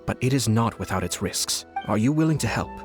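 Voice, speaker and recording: A man voicing a composed, shrewd young nobleman in a video game, speaking in a measured, formal, diplomatic way. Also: lowish voice, expressive, over music, natural voice. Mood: composed, scheming.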